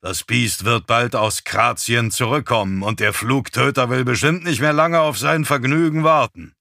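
A man voicing an excitable male prisoner in a cell who talks loud, high and excited, read as an audiobook character. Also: moderate pace, gravelly, no echo, studio quality. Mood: agitated.

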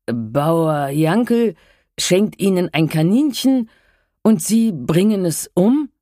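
A woman's voice: fairly low pitch, animated, slow pace, darkish tone, breathy edge, no room sound, clean studio sound, pitched above the performer's own voice, full character voice. A woman reading a story aloud, voicing a timid, squeamish man who stammers and complains. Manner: stammering, plaintive.

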